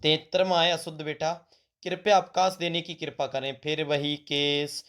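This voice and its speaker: A man's voice: on the high side, level tone, normal speed, a bit bright. A man teaching a grammar lesson to students, calling them "beta" and making joking asides between corrections.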